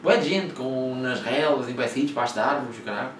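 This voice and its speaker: Fairly quickly and at medium pitch, a young man from Lisbon tells casual travel stories for his vlog, drifting around with plenty of swearing and filler words in European Portuguese slang. The recording has slight background noise, an echoey room, and a distant mic.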